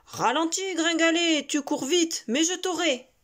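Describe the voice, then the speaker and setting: A woman's voice: very high-pitched, unhurried, fairly bright tone, voice pushed up. A woman voicing a hungry, impatient, menacing male wolf, growling and howling, in a storybook reading to a toddler. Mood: howling, boastful.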